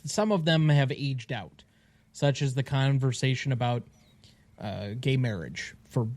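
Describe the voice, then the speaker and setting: A man's voice: mid-range voice, a little mellow. Man chatting wryly on a podcast. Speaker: podcast co-host. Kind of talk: casual chat.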